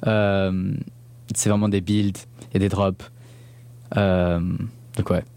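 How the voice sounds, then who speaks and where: This young adult man was born in northern England and grew up in Belgium. He chats casually as an interview guest, using informal, slangy speech sprinkled with English words. His voice sits low and sounds a little mellow and smooth, with a flat delivery at a slow pace.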